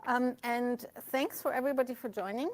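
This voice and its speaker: A woman's voice: a little high, fairly even intonation, a little fast. A woman hosting a meetup, speaking informally in front of an audience as she welcomes people and makes announcements. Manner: addressing an audience in a room. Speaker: meetup organizer and host. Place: meetup room with live audience and online stream.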